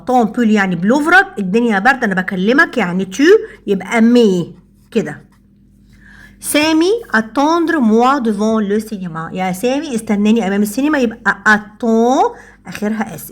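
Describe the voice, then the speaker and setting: A woman with an Egyptian Arabic accent, teaching French grammar and working through exercises, saying the French examples slowly and explaining briskly. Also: mid-range voice. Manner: slow, careful French phrases between brisk Arabic explanation.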